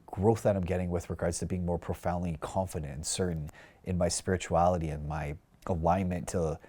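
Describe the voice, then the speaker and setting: Earnest male guest, deep dark voice, heartfelt and rambling. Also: fairly even intonation, fairly quick. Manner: earnest, heartfelt, filler-heavy with "like" and "you know". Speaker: podcast guest, career coach. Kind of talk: reflective casual conversation.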